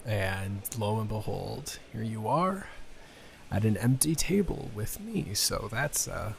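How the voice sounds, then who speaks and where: A shy outcast schoolboy in a romantic audio drama, voiced by a man, tripping over his words in a slightly low voice. He stutters, restarts and hedges as he talks, nervous and awkward, recorded close to the mic. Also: expressive, slow pace, vocal fry, a little hiss or hum, full character voice. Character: anxious shy new boy at school, outcast. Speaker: audio roleplay performer. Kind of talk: romantic audio role-play.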